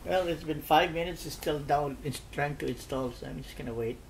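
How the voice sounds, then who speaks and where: A man casually narrating a product test as a reviewer, haltingly thinking aloud. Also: fairly high pitch, vocal fry. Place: indoors at a tabletop. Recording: faint background noise.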